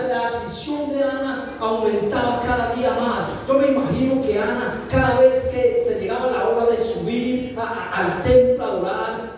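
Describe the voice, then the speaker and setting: A Colombian man with a very high voice and a mellow, dark tone preaches a sermon straight to his congregation, pausing on fillers and repeating phrases. A distant mic in a church hall gives a roomy sound with long reverb and slight background noise.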